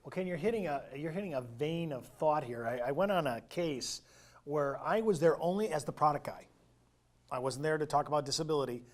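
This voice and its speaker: A man's voice: on the high side, a little fast. A man hosting a radio talk show, drawing out his co-host with encouraging questions and his own anecdotes.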